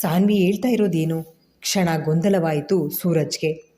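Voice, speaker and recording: A woman reads a serialized audio story in a steady, even way. Her voice is low-pitched and warm. The delivery sounds scripted and unhurried. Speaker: story narrator.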